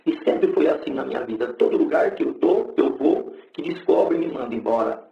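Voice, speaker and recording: A man's voice: mid-range voice, expressive, fairly quick, vocal fry, reverberant, dull audio. A man giving a fervent religious testimony to a congregation, telling his story and rising into exclaimed praise. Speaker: church member giving testimony.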